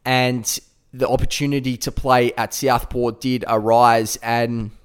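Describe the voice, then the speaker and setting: A young man from Adelaide with a South Australian accent, hosting his own podcast in a relaxed, rambling way with plenty of fillers. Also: mid-range voice, measured pace, clean tone. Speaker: podcast host. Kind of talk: casual solo podcast talk.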